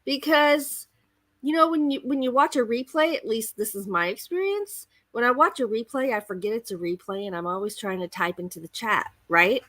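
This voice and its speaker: A woman talking casually as host of a livestream, telling rambling stories in an expressive way. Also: fairly high pitch, moderate pace, dry recording. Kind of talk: casual chatty livestream monologue.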